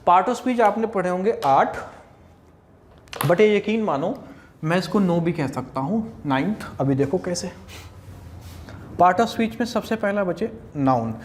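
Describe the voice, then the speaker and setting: A man's voice: sits high, animated, slow, pauses often, a little hiss or hum. A man from India with a Haryanvi Hindi accent, giving an exam-prep English grammar lecture at a whiteboard, chatty and often checking in with "theek hai". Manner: chatty, addresses students as "bachche", repeats "theek hai". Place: classroom at a whiteboard.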